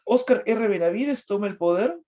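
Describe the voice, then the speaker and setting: A middle-aged man with a Peruvian accent giving a lively history lecture, quizzing his students as he goes. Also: high-pitched, normal speed. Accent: Peruvian Spanish. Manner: asks students questions, animated. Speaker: history teacher. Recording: slightly dull lo-fi recording.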